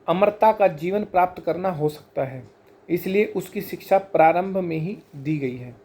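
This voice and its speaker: A man giving an explanatory scripture lesson, measured, slowing down to spell out sacred terms one by one. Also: high voice, warm tone. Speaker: teacher of Vedic scripture.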